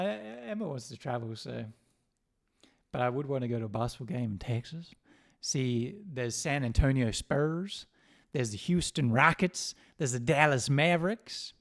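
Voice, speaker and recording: A man hosting a livestream, chatting casually and rambling between jokes. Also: mid-range voice. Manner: rambling, joking, laughs often. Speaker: livestream host.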